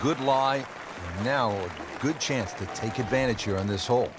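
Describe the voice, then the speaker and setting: A man playing a measured television golf commentator, calling play in a video game broadcast. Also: mid-range voice, background noise, close to an everyday voice. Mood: measured, engaged. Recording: music and crowd behind voice. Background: music and crowd.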